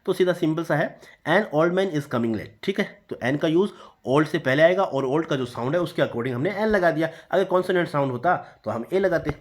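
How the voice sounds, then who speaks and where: Man teaching grammar, slow and repetitive. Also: a little high, animated. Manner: slow deliberate reading of example sentences, repeating key points. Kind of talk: explanatory classroom lesson.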